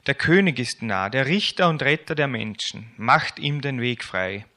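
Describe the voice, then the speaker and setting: A man voicing an adult male prophet who loudly and slowly calls the crowds to repent. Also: medium pitch, expressive. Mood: urgent calling. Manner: loud, slow, proclaiming calls.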